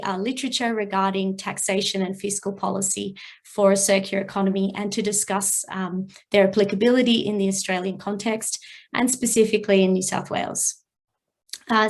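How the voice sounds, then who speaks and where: A woman who is a research director, briskly presenting study findings at an online event, with a frequent "um". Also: mid-range voice.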